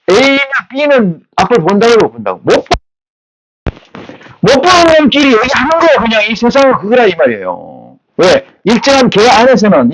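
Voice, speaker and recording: A man's voice: high-pitched, slight background noise, rough recording. A male pastor preaching a sermon, firing rhetorical questions at his listeners in blunt, coarse everyday speech. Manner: teaches with rapid rhetorical questions.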